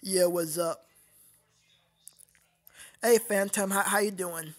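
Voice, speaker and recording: A livestream host chats casually with viewers in a halting, repetitive manner, often calling them sir. His voice is medium-pitched with a steady tone.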